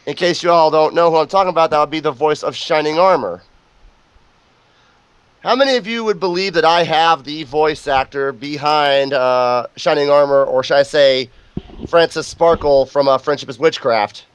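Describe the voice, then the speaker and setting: A man's voice: on the high side, moderate pace, clean tone, dry recording. A man hosting a casual online show over a voice call, a little sick and coughing, with playful, theatrical announcing. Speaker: host.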